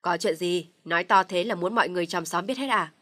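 A woman voicing an older father-in-law who gives loud, commanding orders to his family in an audio story. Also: fairly low pitch, very fast, no echo, clean studio sound, natural voice. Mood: stern commanding.

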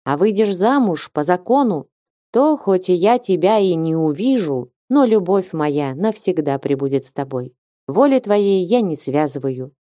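A woman's voice: on the low side, lively intonation, mellow, no echo, clean studio sound. A woman voicing a grave old abbess. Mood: tender. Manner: slow, grave, measured speech. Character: stern but loving elderly abbess. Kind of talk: audiobook character reading.

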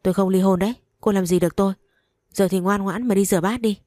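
A woman's voice: mid-range voice, fairly even intonation, quick pace, mellow, no room sound, clean studio sound, natural voice. A woman voicing a drunk, bullying young husband in a storybook reading. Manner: slurring bullying tone.

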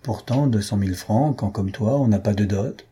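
A man voicing a practical, coaxing middle-aged mother in an audiobook, with a husky, dark voice. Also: fairly low pitch, moderate pace. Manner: coaxing, matter-of-fact.

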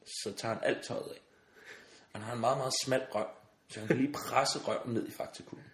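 Danish-speaking man telling animated anecdotes. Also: mid-range voice. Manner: animated storyteller, acts out voices, laughs often. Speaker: podcast guest. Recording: roomy sound with faint noise.

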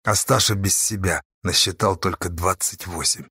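A man reading a novel aloud in steady, measured narration. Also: deep voice, slightly rough, no room sound, clean studio sound. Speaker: audiobook narrator. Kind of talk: scripted narration.

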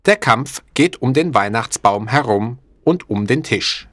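A male narrator reading a story at a slow, careful pace, with a lively, expressive pitch. The recording is dry and close to the mic. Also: no room sound. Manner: clear, deliberate, expressive.

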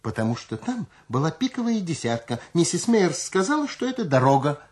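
A man voicing a brisk young woman witness who talks high and eager. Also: sing-song.

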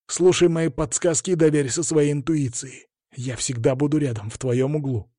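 A man voicing a calm middle-aged boxing coach who speaks earnestly and encouragingly before a fight. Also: a little high, normal speed, no room sound, studio quality, lightly acted.

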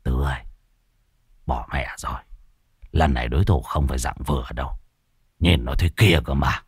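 A man's voice: rumbling low, normal speed, husky, dry recording, studio quality, pitched below the performer's own voice, heavily acted. A man voicing a skinny, nervous exorcist who whispers worriedly.

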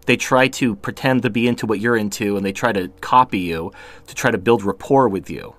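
A man's voice: fairly low pitch, fairly quick, a bit bright. A man hosting a podcast, talking in blunt, crude and opinionated casual banter. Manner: blunt, crude, opinionated, laughs at his own jokes. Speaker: show host.

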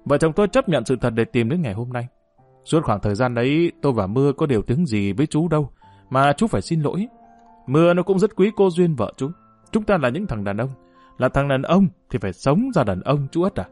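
A man voicing a calm, steady middle-aged husband in an audiobook. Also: mid-range voice, fairly quick, no room sound, faint music behind. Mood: earnest.

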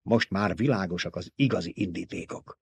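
A man's voice: low-pitched, creaky, a little mellow, breathy edge, no echo, full character voice. A man doing a bitter, defeated old emperor. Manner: snarling, bitter questions. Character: proud older male emperor, bitter and defeated. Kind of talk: audiobook reading.

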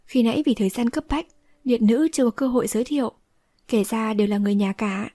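A woman's voice: on the high side, quick pace, dark tone, no echo, close to an everyday voice. A woman reading the part of a resolute young swordswoman who speaks firmly and decisively, in a dry close recording. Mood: composed. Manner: firm, decisive speech. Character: young heroine, resolute and fierce-tempered.

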